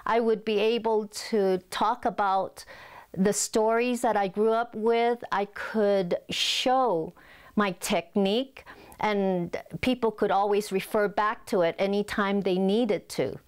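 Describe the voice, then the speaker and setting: An older woman from Hong Kong speaks slowly and calmly about her work. Her voice is smooth and clear, recorded close on a lapel mic in a living room. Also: mid-range voice. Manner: calm, measured storytelling. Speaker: artist. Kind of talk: documentary interview.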